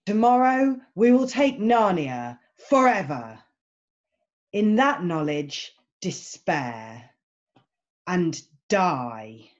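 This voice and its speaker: Woman acting a cruel witch villainess, low voice, very slow, imperious, gloating, fantasy drama read-through, muffled recording. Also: sing-song, exaggerated voice. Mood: gloating, contemptuous. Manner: slow, imperious, savouring each phrase.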